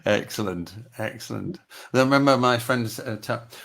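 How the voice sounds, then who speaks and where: A man's voice: mid-range voice, normal speed, creaky, a bit bright. A man hosting a music talk show, listening, chipping in and telling his own anecdote. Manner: encouraging listener, laughs along, short affirmations. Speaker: radio show host. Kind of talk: conversational interview.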